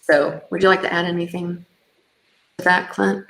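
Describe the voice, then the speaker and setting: A woman's voice: on the low side, steady tone, normal speed, creaky, a bit bright, slight background noise. A woman hosting a casual business webinar, talking conversationally with fillers like um and you know. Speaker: webinar host and business owner. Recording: echoey room sound.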